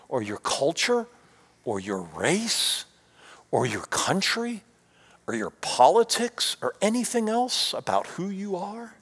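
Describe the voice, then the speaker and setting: A man delivering a sermon in a high, lively voice that climbs and falls, sometimes sinking nearly to a whisper. He speaks in rhetorical questions. His words ring out with a long reverb, as in a large hall. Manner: rhetorical questions, rising and dropping to near whisper. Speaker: preacher.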